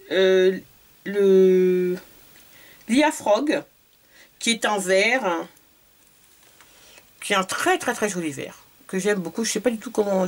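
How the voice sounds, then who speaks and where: A woman from France, a beauty vlogger, chatting casually through a shopping haul video, hesitant with many fillers and repeated words. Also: mid-range voice.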